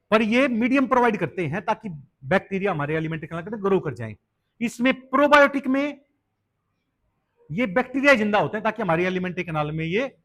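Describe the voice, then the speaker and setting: High-voiced male biology teacher. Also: a bit bright. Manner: explains step by step, asks students questions; mixes English terms into Hindi teaching. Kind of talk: exam-prep lecture.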